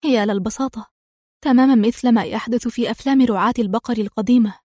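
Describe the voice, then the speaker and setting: A woman's voice: fairly high pitch, fast, dark tone, slightly rough, no echo. A woman reading the lines of a worried, devoted young woman who pleads anxiously, in a dry, close recording.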